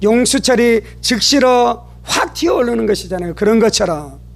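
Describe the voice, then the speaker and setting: A male pastor preaching a Sunday sermon, asking his congregation rhetorical questions and building to loud, shouted cries. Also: extremely high pitch, expressive, normal speed, creaky, slight background noise. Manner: dramatic preaching, rising to shouted cries when quoting the blind man.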